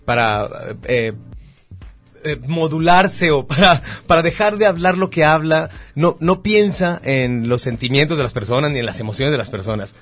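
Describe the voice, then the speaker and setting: A man's voice: a little high, moderate pace, a bit bright, soft background music. A man hosting a radio talk show, talking casually and with strong opinions, using many fillers.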